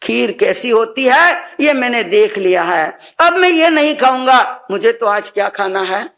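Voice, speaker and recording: A woman's voice: on the high side, expressive, a little slow, a bit bright. A woman preacher voicing a small poor boy who insistently pleads with his mother during a sermon story. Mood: pleading.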